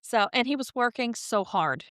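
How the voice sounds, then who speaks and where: A woman co-hosting a podcast, older than her co-host, chats casually and laughs often while telling stories. Her fairly high, slightly bright voice has lively intonation and a moderate pace, in a dry, studio-quality recording.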